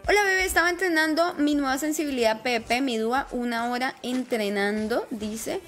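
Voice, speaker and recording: A woman's voice: high voice, fairly quick, a bit bright, faint music behind. A woman live-streaming a game in casual chat, affectionate and talkative, greeting viewers by name.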